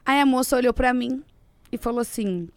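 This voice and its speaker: Brief: young Brazilian woman, high-pitched, lively storyteller, dry close sound. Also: moderate pace, clear, resonant tone, no echo. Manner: animated storytelling, laughs often. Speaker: guest telling a story. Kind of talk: casual chat.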